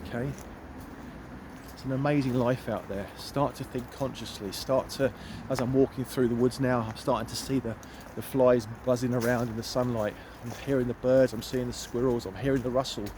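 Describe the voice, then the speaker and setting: A man's voice: medium pitch, steady tone, normal speed. A middle-aged man and empowerment coach, speaking earnestly and emphatically as he walks through woods, repeating phrases for weight, recorded on a phone he holds. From United Kingdom. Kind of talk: walking vlog monologue. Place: outdoors in woods. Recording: faint outdoor noise.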